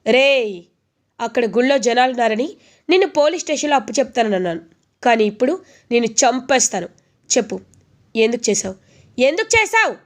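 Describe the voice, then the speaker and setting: A woman reading the lines of an angry young man demanding answers, in a high, shouting tone. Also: quick pace, lightly acted. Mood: furious.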